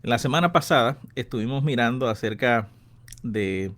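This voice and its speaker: A man's voice: mid-range voice, moderate pace, a bit bright. A man in his thirties hosts a Bible-lesson radio program in a friendly, chatty way and laughs often. His voice sits in a middle range. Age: 30s. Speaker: radio host and pastor.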